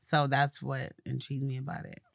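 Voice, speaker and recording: A woman's voice: a bass voice, normal speed, vocal fry, dry recording. Brief: woman guest, light lisp, easygoing interview chat, dry close sound. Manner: relaxed, conversational, fillers like "you know". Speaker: guest, publicist. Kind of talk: casual interview conversation.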